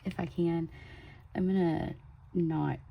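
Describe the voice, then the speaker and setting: A woman chatting casually at home while she sets up a weekly planner, sometimes drifting into a soft whisper. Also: on the low side, fairly even intonation, slow pace, creaky, muffled recording, a little hiss or hum. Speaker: planner vlogger. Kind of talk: casual plan-with-me chat. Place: home desk.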